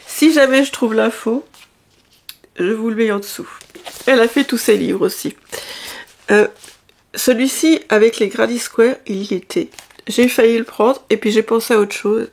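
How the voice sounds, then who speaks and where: A woman's voice: on the high side, normal speed, gravelly, pauses often. A woman vlogger chatting casually, rambling and laughing often, with many restarts. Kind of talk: casual chat.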